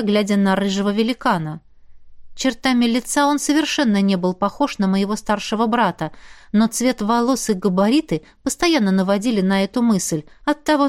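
A woman narrating a novel in the first person, with a lively, expressive reading. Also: mid-range voice, dry recording, studio quality. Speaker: audiobook narrator.

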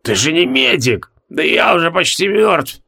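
A man reading an audiobook, voicing a dying one-eyed male wizard marshal who speaks hoarsely, slowly and curtly. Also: fairly high pitch, very animated, pushed and bright, pitched above the performer's own voice, exaggerated voice. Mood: weak, bitter. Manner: slow, curt commanding. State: hoarse, barely audible. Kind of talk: audiobook character voice.

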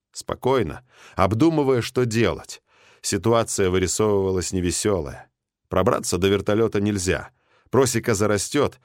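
Man narrator, audiobook, lowish, lively intonation, dry recording. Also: no room sound.

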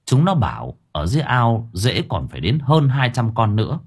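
A man narrating an audio story in a lively, dramatic way. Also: medium pitch, moderate pace, breathy edge, faint music behind.

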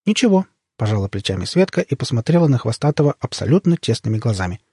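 Husky guy reading a funny story, wry and expressive, dry close mic. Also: mid-range voice, fast talker, no echo. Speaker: audiobook narrator. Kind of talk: scripted storybook narration.

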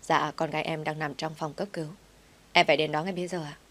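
A woman voicing a gentle, devoted young husband who speaks softly and reassuringly to his wife. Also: fairly high pitch, little pitch movement, fast. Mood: anxious. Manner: soft, soothing, reassuring.

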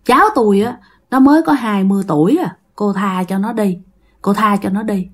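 A woman voicing an elderly grandfather who humbly pleads with a ghost in a soft voice. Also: fairly high pitch, expressive, moderate pace. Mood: pleading.

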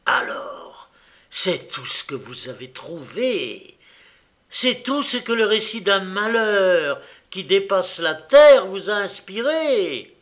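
A man's voice: fairly high pitch, lively intonation, slow pace, voice pushed up, full character voice. A man voicing an old, tormented gambler who turns desperate and furious. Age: older. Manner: anguished, rising to shouted rage.

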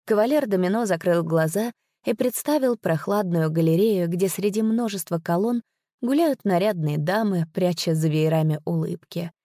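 Low-voiced woman reading a story aloud. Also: dark tone, no room sound, studio quality. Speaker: audiobook narrator. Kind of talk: scripted narration.

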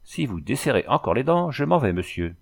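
A man voicing a gentle but bossy young woman nursing a patient, in an audiobook reading. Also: mid-range voice, sing-song, brisk, creaky, voice pushed up. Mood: coaxing, bossy. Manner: softly commanding, coaxing.

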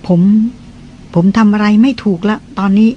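Reader voicing a shy young man, low murmur, hesitant, flustered, polite. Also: normal speed, muffled recording, slight background noise, natural voice.

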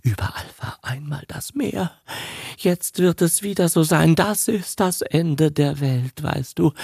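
A man's voice: high voice, creaky, darkish tone, husky, no echo, studio quality, pitched above the performer's own voice, heavily acted. A man voicing a frightened, guilt-ridden old man past seventy who whispers and gasps his words in a dramatized audiobook. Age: over 70 (figure). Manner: trembling, whispering and gasping.

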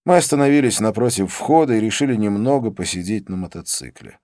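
Steady, low male audiobook narrator. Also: dry recording, studio quality. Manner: steady, measured storytelling. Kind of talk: audiobook reading.

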